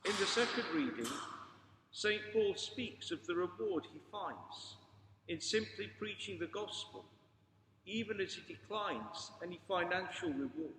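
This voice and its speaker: A man giving a Gospel reading and homily as a priest, in a solemn, measured and formal pulpit manner. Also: sits high, expressive, a bit bright, slight background noise. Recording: echoey hall with long reverb.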